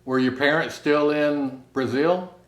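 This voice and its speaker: A man interviewing an elderly veteran, asking short questions in a gentle, patient way. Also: a little high, fairly even intonation, measured pace, echoey room.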